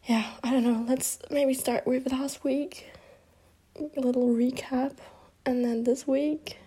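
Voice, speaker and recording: A young woman with a hoarse, sick voice, hosting her own podcast in a rambling, half-whispered chat. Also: high-pitched, fairly even intonation, slow, mellow. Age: young adult. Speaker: podcast host. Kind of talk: casual solo podcast chat.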